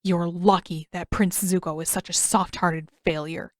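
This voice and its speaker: Picture a cold, condescending male admiral whose every word drips with sarcasm and mockery, as a woman reader puts him on. The tone sits a touch lower than usual for her, and the sound is dry and close. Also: steady tone, unhurried, no room sound, lightly acted. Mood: sarcastic. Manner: mocking, sarcastic. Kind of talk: fan audiobook reading.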